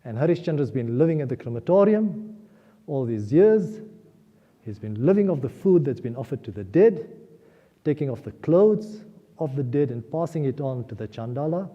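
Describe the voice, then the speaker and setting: A man's voice: medium pitch, expressive, moderate pace. A man giving an earnest spiritual discourse at a temple, telling a story and having listeners repeat key words aloud. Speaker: guest speaker at a temple. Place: temple hall. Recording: dull lo-fi audio in a reverberant hall.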